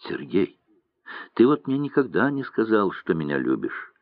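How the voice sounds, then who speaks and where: A man's voice: fairly low pitch, big pitch swings, normal speed, no echo. A male reader voicing a young woman who pleads and reproaches her lover through tears, in a dry, tinny audiobook recording. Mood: bitter. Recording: dry, tinny narrow-band sound.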